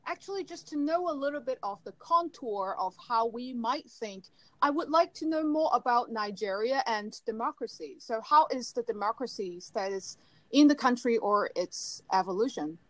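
A woman's voice: on the high side, expressive, normal speed, a bit bright, dry recording, poor audio. A woman from Hong Kong, a guest on a call, talking in a chatty way with laughs and fillers between points. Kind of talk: casual discussion over a call. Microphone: phone on a call.

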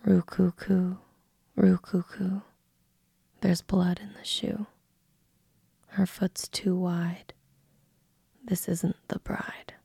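Tattletale dove flock chanting a sing-song rhyme, husky whisper, put on by a woman reading. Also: lowish voice, flat delivery, very slow, long pauses, warm tone, dry recording, studio quality, exaggerated voice.

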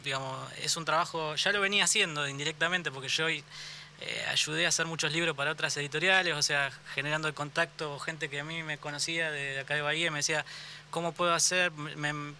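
A man's voice: a little high, fairly even intonation, fast talker, pushed and bright, a little hiss or hum. An Argentine man, a book editor, chatting casually as a guest in long, rambling explanations with fillers. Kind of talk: casual conversation.

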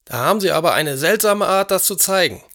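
A high, querulous old aristocrat in an audio drama, forever demanding and indignant. He barks orders with a lord's impatience. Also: expressive, fairly quick, pushed and bright, exaggerated voice. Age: older. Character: elderly, imperious, irritable English aristocrat.

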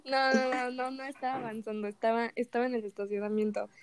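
A woman's voice: on the high side, flat delivery, quick pace, smooth, dry recording. A young woman with a Mexican Spanish accent tells a story animatedly in casual chat, acting out the dialogue.

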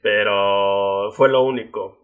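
A young Mexican man with a Mexican Spanish accent, co-hosting a casual podcast chat in a lively, chatty way. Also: fairly low pitch, takes it slowly, smooth, narrow, tinny audio. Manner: chatty, lively, with many fillers. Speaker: podcast co-host.

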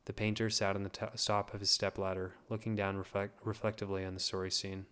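Man reading a story, low steady voice, pretty flat. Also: quick pace, clean tone. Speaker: narrator.

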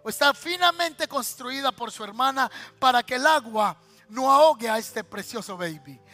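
High, bright Colombian preacher. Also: male voice. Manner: storytelling, lively and colloquial, addressing listeners directly. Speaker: pastor. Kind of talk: sermon.

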